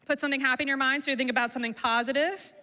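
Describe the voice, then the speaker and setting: A woman with a high, bright voice leads a middle school lesson, pausing often to ask the students questions. Her voice rings out with a long reverb, as in a school hall. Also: steady tone. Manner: engaging, asks the class questions. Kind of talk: classroom talk to middle schoolers.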